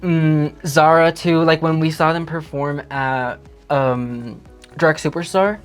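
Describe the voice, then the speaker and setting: A man's voice: on the high side, steady tone, takes it slowly, smooth. A man chatting casually as a guest, with informal, hesitant phrasing that often trails off. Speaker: producer being made up as guest. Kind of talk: casual chat. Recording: music playing behind.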